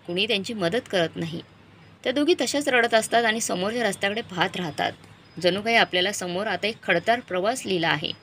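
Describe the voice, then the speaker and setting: A woman's voice: medium pitch, fairly bright tone, a little hiss or hum. A woman narrating a dramatic moral story, reading with emotional storytelling.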